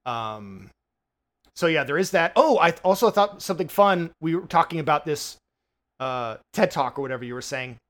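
A man's voice: a little high, expressive, normal speed, fairly bright tone. A man co-hosting a film review podcast, chatting casually with many fillers and restarts, swearing now and then.

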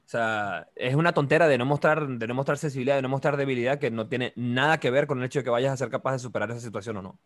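A man's voice: mid-range voice, fast, few pauses, no echo. A young Venezuelan man in casual podcast chat, swearing freely and checking in with tag questions.

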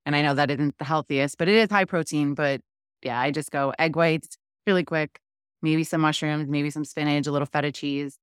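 A middle-aged woman with a New York accent hosting a podcast, chatty and open with quick asides. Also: deep voice, fairly even intonation, clear, resonant tone, dry recording, clean studio sound. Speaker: podcast host. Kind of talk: casual interview chat.

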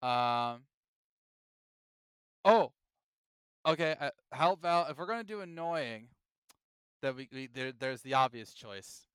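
A man co-hosting a podcast in casual chat, animated and jokey, often slipping into silly impressions. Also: mid-range voice, takes it slowly, long pauses, clear, resonant tone, no echo. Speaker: podcast co-host.

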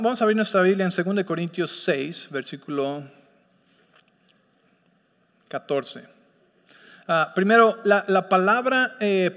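Pastor, man, high voice, teaching sermon in a big echoing church hall, keeps asking if listeners follow. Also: fairly bright tone. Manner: teaching, checks in with listeners often. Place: church sanctuary.

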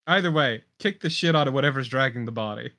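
A man's voice: mid-range voice, fast, pushed and bright. A man playing in a tabletop game, blunt and joking, swearing casually. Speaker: player.

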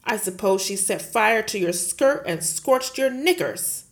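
A woman voicing a huge, bullying headmistress who shouts, barks and sneers at everyone. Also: medium pitch, animated, unhurried, voice pushed up, lightly acted. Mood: blustering. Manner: shouting, barking, scornful.

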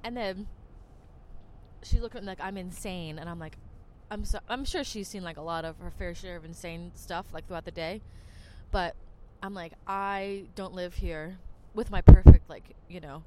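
A New Jersey podcast host rambles through stories in a casual monologue, chatty and saying "like" a lot. Her voice is lowish and mellow at normal speed, with slight background noise.

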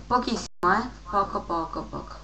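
A woman hosting a casual show, chatting to viewers and reading a rhymed joke aloud with lively emphasis. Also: mid-range voice, normal speed, vocal fry, background noise. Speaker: host.

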